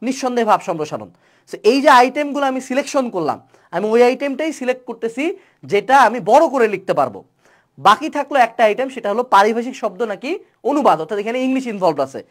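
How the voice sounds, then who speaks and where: Young tutor, rapid-fire delivery, playful, rhetorical questions, English words mixed in. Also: medium pitch, animated. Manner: mixes English words into Bengali. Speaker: online tutor. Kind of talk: webinar lecture.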